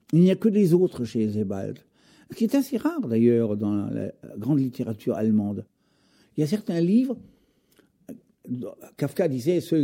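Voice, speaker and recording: A man talks about literature with expressive emphasis. His voice sits slightly high and moves a lot in pitch, with a husky, dark tone. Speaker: interview guest, literary critic. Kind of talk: analytical commentary.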